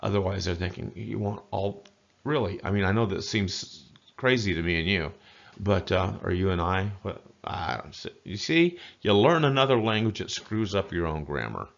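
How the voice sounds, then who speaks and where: Guy with a really deep voice teaching a lesson, folksy and chatty, kinda muffled lo-fi sound. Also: sing-song, vocal fry. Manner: chatty and folksy, repeats words slowly to model pronunciation. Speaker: language teacher. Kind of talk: casual spoken language lesson.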